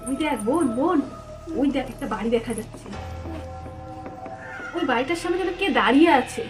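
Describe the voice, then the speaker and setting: Woman as a scared big sister, high voice, nervous, repeats herself, music behind. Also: lively intonation, fairly quick, distant mic. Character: scared elder sister walking a dark road. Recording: background music.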